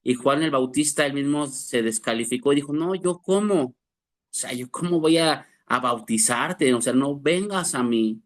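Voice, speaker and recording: A man's voice: mid-range voice, normal speed. Earnest man preaching. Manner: earnest preaching with rhetorical questions and mimicked voices. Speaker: pastor teaching a class. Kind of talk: sermon.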